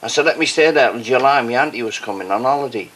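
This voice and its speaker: A man telling a rambling anecdote in a rushed, agitated way. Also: medium pitch, a bit bright, poor audio.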